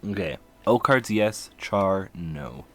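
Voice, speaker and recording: A man's voice: deep voice, animated, slow pace, soft background music. A man giving casual, playful commentary while streaming a game, laughing and humming to himself as he plays.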